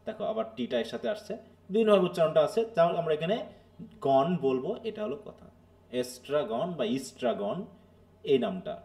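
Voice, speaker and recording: A man with a Bangladeshi accent lecturing a live class on drama, explaining slowly and asking his students questions. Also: high-pitched, lively intonation, creaky, darkish tone. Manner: explanatory, asks students questions, mixes English phrases. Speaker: teacher. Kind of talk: live online literature lecture.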